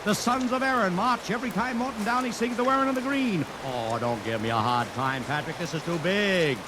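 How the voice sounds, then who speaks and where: Heavy hiss and falling rain run under this old radio recording of an actor playing a brash promoter who makes deals and talks like a salesman. His voice sits high and moves briskly, sounding close to everyday speech, in the manner of 1940s radio drama.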